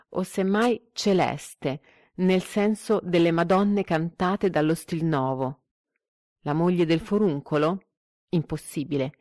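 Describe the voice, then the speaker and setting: Woman narrator, lowish voice, measured literary reading, dry close recording. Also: no echo. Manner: measured, expressive reading with lively quoted dialogue.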